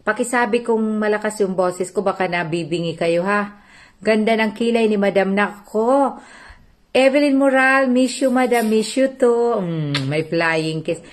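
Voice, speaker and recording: A chatty woman with a Filipino accent hosts a casual livestream. She greets viewers one by one and reads their comments aloud. Her voice sits at an ordinary mid pitch. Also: measured pace. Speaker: livestream host.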